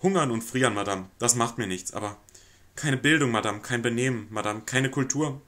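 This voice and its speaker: A man's voice: medium pitch, a little fast, a bit bright, natural voice. A man voicing a sly, mock-humble male lodger who wheedles and pities himself, reading a stage play aloud. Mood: self-pitying.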